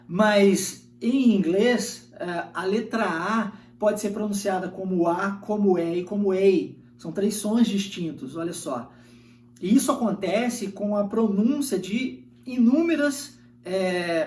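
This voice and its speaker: A man from Brazil gives an English lesson in a high voice, explaining patiently and often checking in with tag questions. He is recorded from a distance in an echoey room with a faint hum underneath. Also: a little mellow. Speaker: English teacher. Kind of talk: video lesson.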